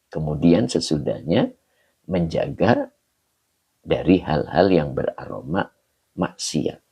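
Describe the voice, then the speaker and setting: Deep, gravelly, slightly hoarse male teacher. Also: sing-song, mellow, muffled recording. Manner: explains Arabic words slowly, then greets viewers from the comments. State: slightly hoarse, clears throat. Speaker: Islamic teacher. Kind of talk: livestream lesson explaining an Arabic religious text.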